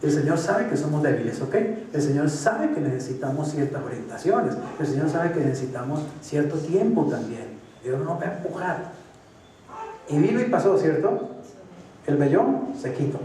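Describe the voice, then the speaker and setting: A Colombian pastor preaching in a chatty, conversational way, often asking his listeners if things are clear. His voice sits a little high. The sermon rings through a large echoing hall, picked up from a distance with a faint ambience behind. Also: animated, normal speed, mellow, slight background noise. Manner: conversational, asks for assent, acts out voices. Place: church hall. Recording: echoey hall, distant mic.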